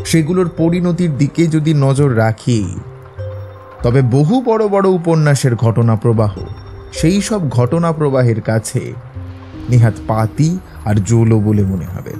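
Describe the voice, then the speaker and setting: An actor playing Sherlock Holmes in an audio drama as an assured, philosophising gentleman detective, speaking in a measured, eloquent, lecturing way. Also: medium pitch, lively intonation, soft background music, lightly acted. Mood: musing, assured. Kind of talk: Bengali audio drama acting.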